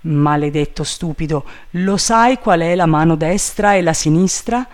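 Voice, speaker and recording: A man voicing an excitable, anxious male gentleman who shouts urgent orders up a tree. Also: on the high side, a little slow, natural voice. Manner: urgent, agitated calling out.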